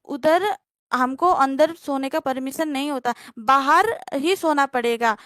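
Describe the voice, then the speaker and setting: A woman's voice: high voice, a little slow, fairly bright tone, no room sound, studio quality. A young woman telling her story on a livestream call, rambling and hesitant, with many fillers and restarts.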